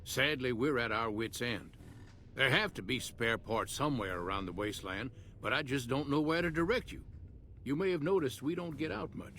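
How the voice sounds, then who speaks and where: An actor playing a gruff, grumpy old mechanic in a video game, folksy and sarcastic. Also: male voice, medium pitch, lively intonation, normal speed, a bit bright, slight background noise, natural voice. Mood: gruff, weary. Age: older. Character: gruff old man, grumbling settlement mechanic. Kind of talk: video game character dialogue.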